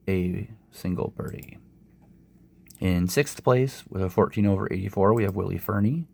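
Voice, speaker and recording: A man with a sore throat and summer cold, casually narrating a golf game as host in a low-energy, unhurried way. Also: darkish tone. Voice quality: low, gravelly. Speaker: host of a sports gaming channel.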